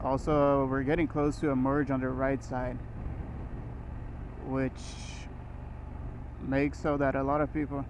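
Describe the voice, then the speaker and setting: A man's voice: medium pitch, flat delivery, measured pace, pauses often. A man who grew up in Brazil, talking casually and rambling as he rides a motorcycle through city traffic, recorded on a helmet mic. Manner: rambling, with restarts and short laughs. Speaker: motorcycle vlogger. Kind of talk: casual riding commentary. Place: riding a motorcycle on city roads. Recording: muffled helmet audio with road noise.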